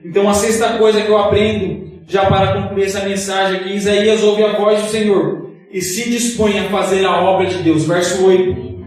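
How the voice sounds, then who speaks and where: A man's voice: high-pitched, fairly even intonation, normal speed. A man evangelist preaching a sermon to a congregation, addressing them as brothers and asking pointed questions. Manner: leads the congregation in call-and-response. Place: church hall. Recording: very echoey hall, picked up from far off.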